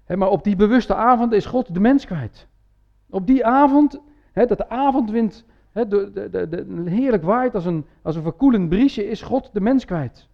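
A man with a fairly high voice preaches a sermon in a church. He talks in a conversational way, with many little tag words and restarts. The recording sounds dull and lo-fi. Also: expressive, normal speed, gravelly. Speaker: pastor.

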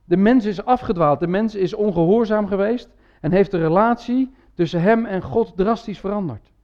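A man with a fairly high voice preaches a sermon in a church. He talks in a conversational way, with many little tag words and restarts. The recording sounds dull and lo-fi. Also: normal speed, a little mellow. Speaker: pastor.

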